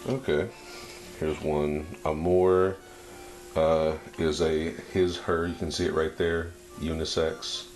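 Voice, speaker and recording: A man with a very low voice reviews a product in an easygoing, approving way. He speaks quite slowly, thinking aloud in short, broken phrases as he comments on an unboxing, with faint music in the recording. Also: little pitch movement, a little mellow. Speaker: fragrance reviewer.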